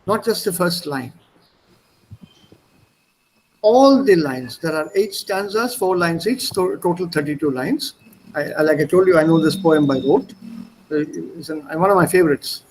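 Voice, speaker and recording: Male language teacher on a video call, high voice, very lively, slow and drawn out. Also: a little hiss or hum, rough recording. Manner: slow and drawn out, quizzing students on word stress, mixes German and English. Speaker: German teacher. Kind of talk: online language class.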